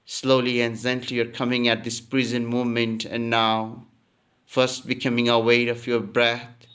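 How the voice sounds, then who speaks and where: A man leads yoga nidra relaxation with slow, calm guidance and a recurring phrase. His resonant, very smooth voice hardly changes pitch, holding a level monotone.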